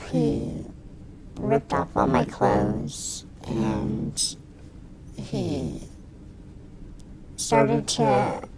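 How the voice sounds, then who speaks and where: A woman in her thirties whose voice is electronically altered to sound deep, giving testimony haltingly with many fillers and restarts. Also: wildly swooping pitch, vocal fry, crowd noise.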